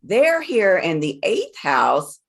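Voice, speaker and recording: A woman gives a one-on-one astrology reading, explaining in measured, deliberate phrases and repeating words for emphasis. Her medium-pitched voice is creaky and husky, with huge pitch swings.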